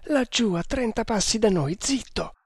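A man voicing a loyal, anxious male servant who speaks in hushed, urgent pleas. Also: high-pitched, expressive, moderate pace, breathy edge, no room sound, studio quality, voice pushed up, exaggerated voice.

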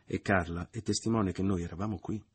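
A man with a husky voice playing a brash, sly middle-aged lover in an audiobook, speaking placidly and mockingly. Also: low-pitched, steady tone, a little fast.

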